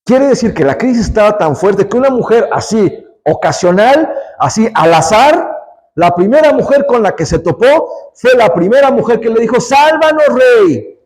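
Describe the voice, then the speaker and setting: A man's voice: sits high, sing-song, moderate pace, darkish tone, rough recording. A man preaching a sermon, emphatic on key lines and chatty in his asides to the congregation. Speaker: pastor.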